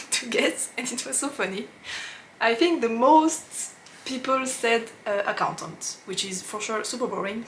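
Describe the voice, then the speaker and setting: A woman with a French accent, a knitting podcast host chatting casually, laughing often and pausing with fillers as she searches for English words. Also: on the high side, bright, forceful tone, a little hiss or hum. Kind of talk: casual chat to camera.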